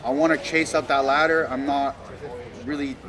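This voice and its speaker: A man giving a casual post-fight interview as a fighter, confident and slangy, with halting, repeated words. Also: medium pitch, flat delivery. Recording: loud crowd chatter behind. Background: busy crowd talking nearby.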